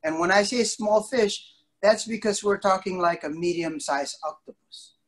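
In an indoor studio, a middle-aged man tells playful, interactive stories to a young kids' class on a video call, stretching words and acting amazed. His voice sits high and sounds a bit bright. A close-by device mic picks him up amid background noise and clicks.

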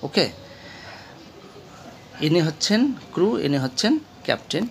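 A male teacher with a Bangladeshi accent explaining a textbook lesson, asking questions and answering them himself, repeating key words slowly. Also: a little high, very animated, creaky. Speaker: English teacher.

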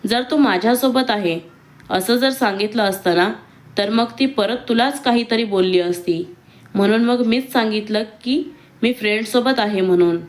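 A woman voicing a brusque, irritable young man in a read-aloud romance story, with sharp, clipped questions. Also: a little high, moderate pace, lightly acted. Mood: irritated.

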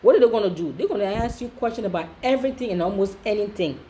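A woman's voice: mid-range voice, lively intonation, fast talker, warm tone. A woman host giving emphatic, repetitive reaction commentary, preaching about questioning things.

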